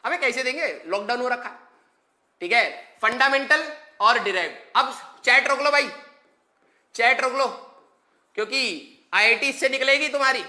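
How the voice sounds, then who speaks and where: A man with an extremely high, sharp voice teaches a live online physics lecture at normal speed, leaving long pauses. He's playful, joking with his students and mixing English terms into his explanations.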